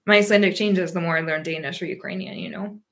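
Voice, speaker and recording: A woman in her thirties from Pennsylvania, USA, speaks as a guest in a casual interview. Her voice is lowish and fairly even in intonation, and she talks quickly, rambling thoughtfully with frequent ums and restarts.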